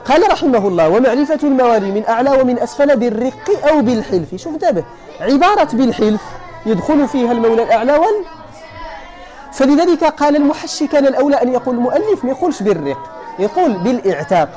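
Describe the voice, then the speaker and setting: A man with a Moroccan accent giving a classroom lecture on hadith terms, explaining each point and often asking his students whether it is clear. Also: extremely high pitch, expressive, racing, dark tone, soft background music, some chatter behind. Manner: explains then checks if students follow. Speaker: teacher of hadith sciences.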